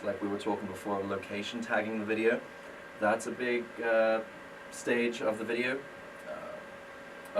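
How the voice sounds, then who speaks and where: Far from the mic and over a noisy background, a British man with a fairly low voice chats on a casual radio show. As a business owner, he describes what he does warmly and pokes fun at himself.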